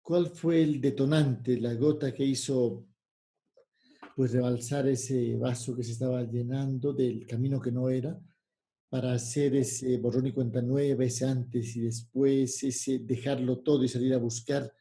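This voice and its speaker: Man, slow-speaking, dark-toned interview host. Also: medium pitch, little pitch movement. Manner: measured, elaborate phrasing, rephrasing each question several ways. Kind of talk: interview questions.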